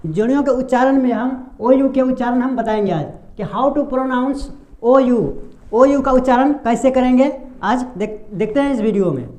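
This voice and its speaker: A man's voice: very high-pitched, normal speed, a little mellow. A young man teaching English pronunciation in Hindi at a board, often asking a question and then answering it himself. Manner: asks questions and answers them himself, repeats key sounds.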